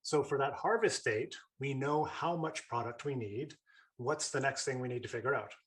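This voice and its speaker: A man's voice: medium pitch, normal speed. A man presenting an online lesson in a casual, chatty way, full of fillers and restarts. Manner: chatty, with fillers and repeated starts. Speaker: webinar presenter.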